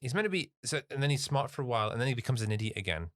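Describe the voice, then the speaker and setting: A man co-hosting a film podcast talks in an animated, rambling way, leaning hard on his points. His voice is bright and swoops up and down a lot. The sound is close and dry. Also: mid-range voice, very fast, no echo. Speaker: podcast co-host. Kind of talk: casual film review chat.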